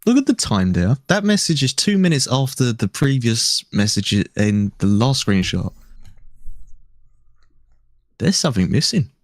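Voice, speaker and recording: A man's voice: medium pitch, big pitch swings, measured pace, pauses often, no echo. Dry-sounding man thinking aloud. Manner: thinks aloud, restarts and spitballs ideas. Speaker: guest commentator. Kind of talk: casual chat.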